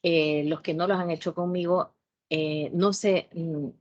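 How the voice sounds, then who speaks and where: A woman with a Salvadoran accent gives an online tutorial lecture with a low voice. She talks in a strict, instructive way and often pauses on hesitation fillers while she explains. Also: fairly even intonation, darkish tone, lo-fi sound. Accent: Salvadoran Spanish. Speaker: university math education tutor.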